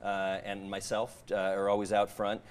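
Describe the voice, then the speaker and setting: A man's voice: fairly low pitch, completely flat delivery, normal speed, smooth. A man being interviewed as a guest on a morning show, promoting his event and often restarting his phrases. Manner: hesitant promotional talk, repeating phrase starts. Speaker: guest, haunted house operator.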